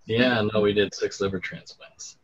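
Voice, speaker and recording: Husky-voiced man on a video call. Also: fairly low pitch, fairly even intonation, moderate pace. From United States, Boston area. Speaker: transplant surgeon, panel guest. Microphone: computer mic on video call. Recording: dull lo-fi video call audio.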